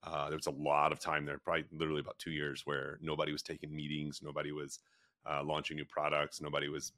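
A man with an extremely low voice tells a long, meandering story as a guest on an interview show. He leans on fillers and restarts, and the recording is dry and close. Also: completely flat delivery, quick pace, fairly bright tone, no room sound. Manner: rambling, filler-heavy storytelling with many restarts. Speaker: guest, pet treat company founder.

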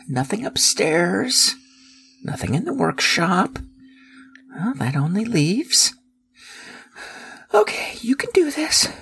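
Woman playing a husky, anxious young apprentice. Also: on the low side, a bit bright, exaggerated voice. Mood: nervous, self-coaxing. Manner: hesitant, stammering, indignant. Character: anxious, exasperated, sarcastic young sorcerer's apprentice named Felix. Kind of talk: scripted audio drama acting.

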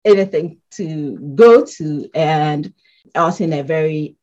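Woman guest, unhurried and thoughtful, lowish voice, kinda dull lo-fi sound. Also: a little mellow. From Ghana. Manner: measured, thoughtful, pauses with ums. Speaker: guest artist. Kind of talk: interview answers.

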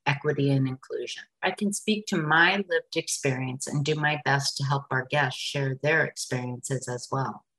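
A woman hosting a podcast, reading a scripted intro and then interviewing in a measured, earnest way. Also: sits low, fairly bright tone, poor audio. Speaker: podcast host.

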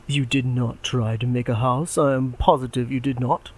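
A man's voice: medium pitch, steady tone, moderate pace, darkish tone, slightly rough, close to an everyday voice. A man voicing a prim, proper male pig who speaks formally and disdainfully. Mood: haughty.

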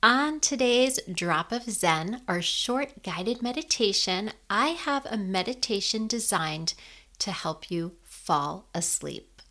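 A woman in her fifties hosting a podcast and guiding a sleep meditation in a slow, soothing, gentle way. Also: mid-range voice, expressive. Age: 50s.

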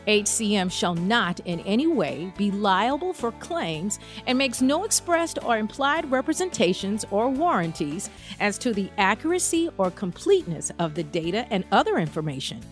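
A woman reads a scripted legal disclaimer in a formal, measured announcer's delivery. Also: medium pitch, big pitch swings, faint music behind.

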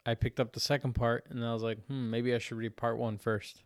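A man's voice: medium pitch, level tone, fairly quick, clean tone, dry recording, studio quality. Laid-back man telling a crude story. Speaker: podcast co-host. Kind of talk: casual chat.

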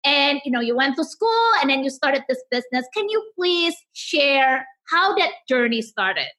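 A woman hosting a business podcast, reading a scripted intro and asking interview questions in a measured way. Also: high-pitched, very animated, bright, forceful tone, dry recording, clean studio sound. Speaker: podcast host.

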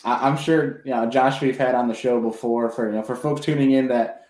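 A man's voice: medium pitch, steady tone, a little fast, darkish tone. A man hosting a live podcast in a casual, buddy-like way. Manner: informal, buddy-like address. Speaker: podcast host. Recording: roomy, echoing sound.

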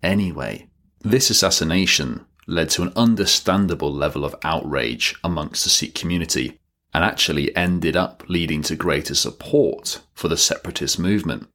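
A man's voice: very deep voice, moderate pace, fairly bright tone. A man narrating an educational history explainer, with wry, dry joking asides. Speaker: educational video presenter.

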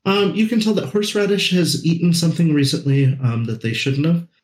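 A man narrating as game master in a relaxed way, with frequent ums and uhs. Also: a little high, brisk, roomy sound, rough recording.

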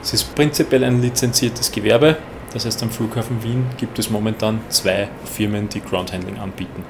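A man with an Austrian accent giving measured, explanatory interview answers as a ground handling manager. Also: fairly low pitch, fairly even intonation, vocal fry, noisy background.

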